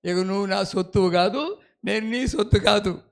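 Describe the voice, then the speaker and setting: A man preaching a sermon as pastor, leading the congregation in call-and-response and swinging between quiet storytelling and loud exclamations. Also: sits high, normal speed, vocal fry.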